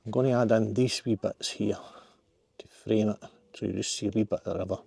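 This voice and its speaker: Middle-aged Scottish man, husky dark voice, chatty, talking to himself outdoors by a river. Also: on the low side, steady tone, fairly quick, no echo. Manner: chatty, talks to himself while walking. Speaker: landscape photographer. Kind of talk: casual vlog narration while hiking.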